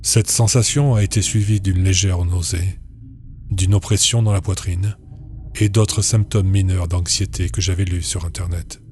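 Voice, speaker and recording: A man narrates a horror story in a deep, low voice. His tone is dark and mellow, and his delivery stays steady and measured throughout.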